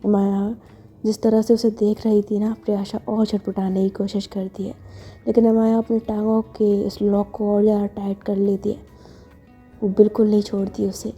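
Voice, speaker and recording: A woman tells a story in a loose, chatty retelling. Her voice is husky and mellow, set a little high. Soft music plays faintly behind her. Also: flat delivery, normal speed, muffled recording. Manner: chatty, conversational retelling with fillers. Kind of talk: casual spoken story narration.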